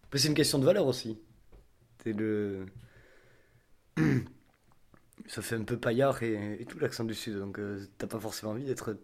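A man in his twenties from southern France, answering interview questions in a relaxed, chatty way with frequent restarts. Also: on the low side, normal speed, long pauses. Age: 20s. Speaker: young worker interviewee.

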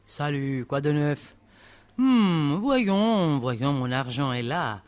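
A student playing a greedy poacher villain. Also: male voice, a little high, lively intonation, takes it slowly. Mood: sly. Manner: wheedling, theatrical villain voice with laughs. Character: greedy male poacher villain, mock-sweet. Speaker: student actor. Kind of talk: school radio play.

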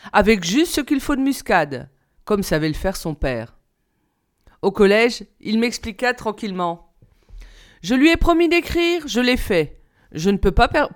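A woman reading a children's novel aloud, lifting her pitch for the characters' lines. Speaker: reader.

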